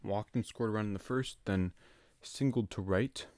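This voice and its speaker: Man, deep voice, home play-by-play, laid-back asides. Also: normal speed, no echo. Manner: relaxed, chatty asides between calls. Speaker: play-by-play announcer. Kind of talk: casual solo baseball commentary.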